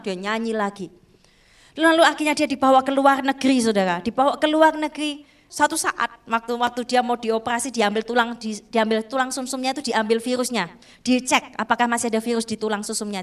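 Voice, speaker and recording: A woman preaching a sermon, telling a moving testimony and calling out to her listeners, shifting from loud emphatic lines to soft hushed ones. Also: high voice. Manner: emotional storytelling, repeatedly addressing listeners as "saudaraku".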